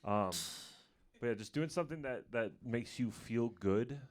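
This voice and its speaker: A man's voice: medium pitch, unhurried, darkish tone. A man co-hosting a casual chat, laid-back and hesitant, with many "uh" fillers. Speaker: co-host reading chat questions.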